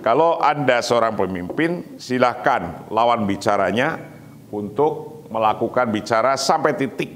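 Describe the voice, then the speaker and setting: A middle-aged man giving a morning religious lecture, teaching emphatically and reciting Arabic lines slowly before explaining them. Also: mid-range voice, lively intonation, a bit bright, a little hiss or hum. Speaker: Islamic preacher. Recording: long hall reverb.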